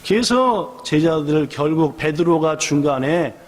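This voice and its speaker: A man preaches a sermon from a church pulpit, his voice pitched high and rising and falling sharply. He keeps quizzing his congregation and acting out the voices in his story. Long church reverb trails every phrase. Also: measured pace. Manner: lively, questions the congregation and acts out voices. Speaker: pastor. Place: church sanctuary.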